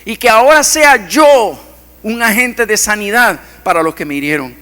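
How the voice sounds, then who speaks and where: A male pastor preaching a sermon to his congregation, swinging from loud, urgent pleas to hushed, intimate passages, recorded on a stage microphone in a church. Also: sits high, lively intonation, moderate pace. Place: church hall. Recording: long church-hall reverb.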